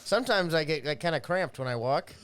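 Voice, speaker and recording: A man co-hosting a comedy podcast, riffing quick jokes and laughing a lot in casual banter. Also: fairly high pitch, expressive, fairly bright tone, smooth. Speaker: podcast co-host.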